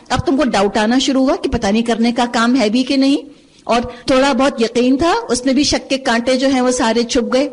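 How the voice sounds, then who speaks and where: A woman giving a Quran commentary lecture, earnest and full of rhetorical questions, slipping English phrases into her speech. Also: sits high. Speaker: Quran teacher. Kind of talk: tafseer lecture.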